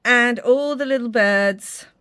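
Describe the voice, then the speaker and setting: A crafting vlogger from Ireland, her voice on the high side, smooth yet sharp in tone, talks slowly while working on a project. Her casual tutorial chat is self-deprecating and rambling, padded with fillers, especially when she jokes about her drawing.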